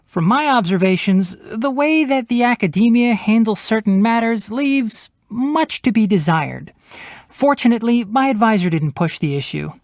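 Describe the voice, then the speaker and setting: A fox-eared young forest ranger from a video game speaks his lines at normal speed, with a very animated melody. His manner is calm, precise and bookish, carrying a wry, matter-of-fact edge, and the dry recording has no trace of a room.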